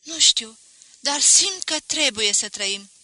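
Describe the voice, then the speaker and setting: A sad, firm young woman, as a female reader puts her on presses her words with urgent pleading. The voice is very bright and sharp, recorded dry and close. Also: sits high, expressive, no echo, pitched above the performer's own voice, heavily acted.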